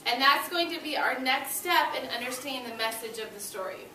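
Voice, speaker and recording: An elementary school teacher with a high, sharp voice leads young children through a read-aloud lesson in a classroom, speaking briskly with lively intonation. She instructs them and prompts them to repeat after her. The microphone is far away, leaving the noisy classroom echoey.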